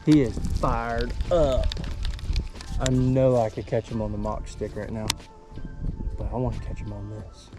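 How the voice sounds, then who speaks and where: A man giving casual running commentary while fishing from a boat outdoors. He is excitable and slangy, and he talks to the fish. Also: medium pitch, measured pace, pauses often, over music. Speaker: fishing vlogger.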